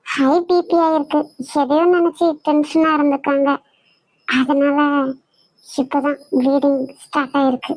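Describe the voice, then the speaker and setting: A woman voicing a calm, businesslike female hospital doctor in a cartoon drama, delivering bad news in a measured, clinical way. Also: high voice, dry recording, rough recording. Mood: grave.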